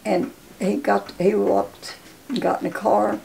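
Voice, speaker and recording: A woman in her nineties with a Southern Appalachian accent, reminiscing casually in a halting, folksy way with repeated words. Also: mid-range voice, little pitch movement, creaky, mellow. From Appalachia, southern United States. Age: 90s. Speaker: interviewee telling life story. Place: home living room, indoors. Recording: faint background room noise.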